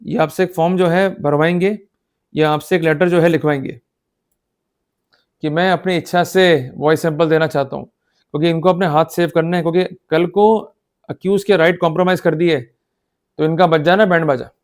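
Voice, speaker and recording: Steady in tone and at a normal speed, a slightly high male voice delivers an explanatory law lecture that mixes Hindi with English legal terms. The lecturer is emphatic and exhortative, repeatedly making sure his audience is following.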